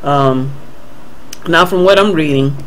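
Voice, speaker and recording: A man earnestly explaining Bible passages in a voice-over, answering a viewer's email and pausing often with fillers and restarts. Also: on the high side, a bit bright, slight background noise, low-quality recording. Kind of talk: unscripted Bible commentary voice-over.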